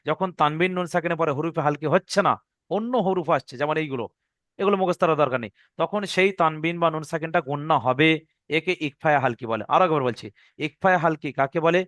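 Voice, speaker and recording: ধীরে বুঝিয়ে বলা শিক্ষক পুরুষ. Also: male voice, on the high side, a bit bright, no room sound. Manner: patient, repeats rules slowly, drawn-out chanted letter names. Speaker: Quran reading teacher. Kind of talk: classroom lesson recitation.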